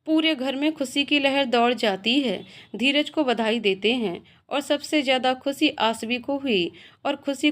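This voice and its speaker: A woman tells a romantic family story as a reader, carrying the narration in a steady storytelling voice. Her voice sits a little high for a woman. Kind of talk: reading a romantic story aloud.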